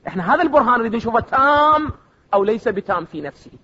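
A man's voice: very high-pitched, very animated, racing, bright, forceful tone, breathy edge. A man with an Iraqi accent teaching a seminary philosophy class and quizzing his students with repeated either-or questions. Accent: Iraqi Arabic. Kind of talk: classroom lecture. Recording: dull lo-fi recording.

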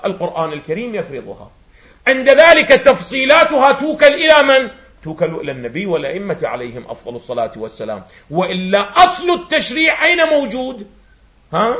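A man's voice: fairly high pitch, pushed and bright. A man teaching a religious lecture to students. He asks rhetorical questions, answers them himself, and presses hard on his key points. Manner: emphatic, rising sharply on key points.

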